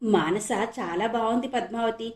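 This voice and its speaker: A woman's voice: a little high, moderate pace, darkish tone, roomy sound, lightly acted. A woman voicing an anxious middle-aged father who speaks with agitated urgency. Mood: worried.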